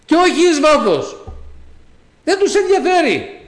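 A man's voice: very high-pitched, very animated, roomy sound. A man preaching a sermon with fervour, speaking to the congregation as brothers and sisters and often crying amen and hallelujah. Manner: fervent, peppered with amen and hallelujah; addresses listeners as brothers and sisters.

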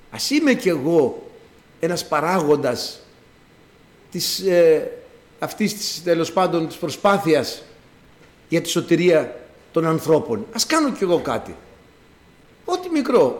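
A man pastor preaching a sermon to his congregation, swinging between loud exclamations and hushed asides. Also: a little high, roomy sound.

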